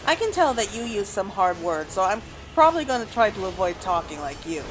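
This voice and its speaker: Thinking out loud and rambling while she plays, a female let's play gamer offers casual commentary over game music. She speaks in a mid-range voice, very animated and a little fast. Background noise is present.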